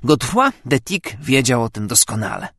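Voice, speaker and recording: A man narrating an audiobook in a dramatic, expressive reading. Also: medium pitch, moderate pace, breathy edge, no echo, studio quality.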